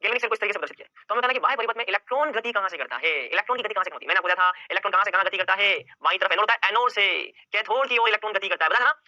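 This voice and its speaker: A man's voice: sits high, racing, few pauses, pushed and bright, dry recording, dull audio. A male chemistry teacher giving an exam-prep lecture, firing off questions and answering them himself and repeating key points over and over.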